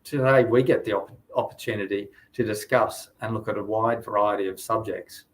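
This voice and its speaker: A man delivering formal, measured prepared remarks in a webinar. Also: fairly low pitch, steady tone, low-quality recording. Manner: formal, measured, read-out phrasing. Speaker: museum director speaker.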